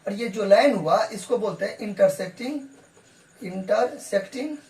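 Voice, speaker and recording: A man's voice: sits high, lively intonation, normal speed, a little mellow. A male math teacher giving a classroom geometry lesson. He explains by repeating himself, asks rhetorical questions and answers them, and mixes English math terms into his explanation. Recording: echoey room, voice from a distance.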